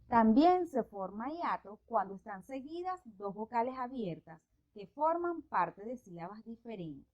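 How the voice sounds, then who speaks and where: Female teacher, slightly high voice, unhurried lesson delivery. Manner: slow, deliberate, spelling out examples. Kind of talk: educational lesson narration.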